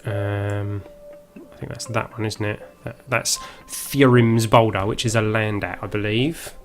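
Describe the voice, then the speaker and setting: Here the Essex streamer's voice is lowish and steady, moving a little slowly, while faint music runs underneath. He's a man from Essex, England, with a southern English accent, narrating his gameplay live in a relaxed, unplanned way and often mumbling to himself.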